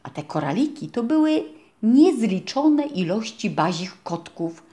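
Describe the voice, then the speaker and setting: A woman reading a children's storybook aloud in a gentle, expressive narrating voice. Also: mid-range voice, measured pace. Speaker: audiobook reader.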